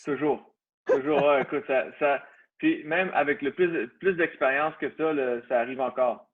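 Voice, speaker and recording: This guest in a casual interview is a man in his thirties who owns a CrossFit gym and speaks with a Canadian French accent. His mid-range voice moves at normal speed, but he hesitates and restarts often. The audio is tinny, like a phone call.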